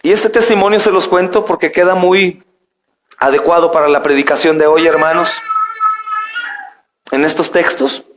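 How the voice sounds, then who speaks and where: Male pastor preaching a sermon in a somewhat high voice, addressing the congregation as brothers. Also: fairly even intonation, moderate pace, pauses often, background noise.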